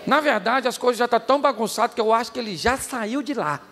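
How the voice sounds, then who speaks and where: A Brazilian man preaching a sermon as pastor, animated and joking, shouting out the lines he acts out. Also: very high voice, fast, vocal fry, noisy background. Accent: Brazilian Portuguese. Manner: animated, jokey, shouts acted-out quotes. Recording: reverberant hall, faint ambience.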